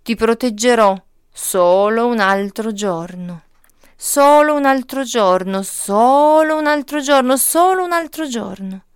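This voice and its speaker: A proud, overprotective old tree from a storybook, voiced by a woman, coaxing in a sing-song way that climbs higher with every repeat. The voice sits a little high, smooth and resonant, and is recorded dry and close. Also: moderate pace, few pauses, dry recording, natural voice. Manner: sing-song, repeating phrases with rising pitch. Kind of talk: storybook read-aloud.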